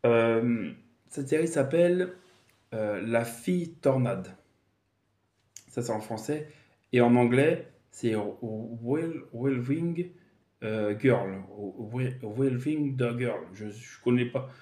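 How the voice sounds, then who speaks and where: A man casually reviewing a television series, talking haltingly with many fillers and self-corrections. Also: medium pitch, warm tone. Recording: echoey room.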